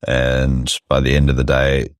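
Very deep, husky man, voice giving out. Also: monotone, unhurried, dry recording, studio quality. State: sick, voice giving out after losing it. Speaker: podcast host. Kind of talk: casual chat.

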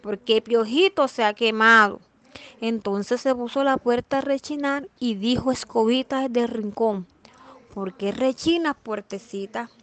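A woman with a slightly high voice reads a children's fairy tale aloud. She is expressive and lands the repeated lines with a steady, rhythmic cadence, as a storyteller for young listeners. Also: unhurried.

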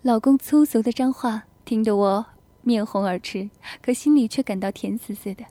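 A woman reading an erotic audio story in the first person, in a soft, hushed narrating voice. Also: on the high side, moderate pace, no room sound.

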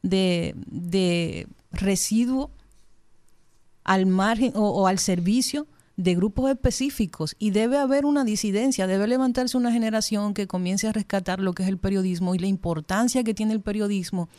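Female panelist, mellow medium-pitched voice, earnest and articulate, closely recorded dry sound. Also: normal speed, no room sound. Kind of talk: panel discussion, earnest opinion.

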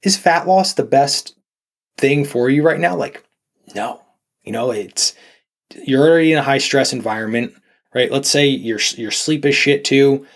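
A man's voice: mid-range voice, measured pace. A man, a nutrition coach guest on a podcast, talking casually and rambling with lots of fillers and restarts.

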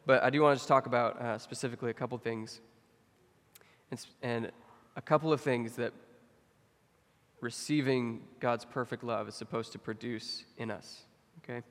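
A young man giving a sermon as a pastor, talking casually with many fillers and getting animated when he tells stories. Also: medium pitch, moderate pace. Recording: long hall reverb.

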